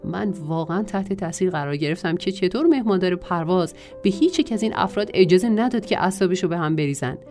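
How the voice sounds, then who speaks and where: A woman narrating a self-help audiobook in a measured reading voice, drawing out lists of words. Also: on the low side, dark tone, faint music behind.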